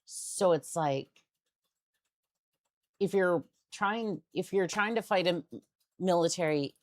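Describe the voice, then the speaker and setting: A woman's voice: on the low side, slow pace, no room sound, clean studio sound. A young adult woman streamer chatting casually while playing a game, rambling and often restarting her sentences. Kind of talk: casual gaming stream chat.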